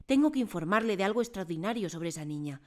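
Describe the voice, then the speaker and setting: Woman voicing a gentle earnest teacher. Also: mid-range voice, expressive, fast talker, voice pushed up, close to an everyday voice. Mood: pleading. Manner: polite, pleading.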